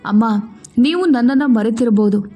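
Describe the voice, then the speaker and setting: A woman voicing a solemn male judge who speaks in a grave, measured way. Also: a little high, lively intonation, mellow, close to an everyday voice. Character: grown man, a solemn judge.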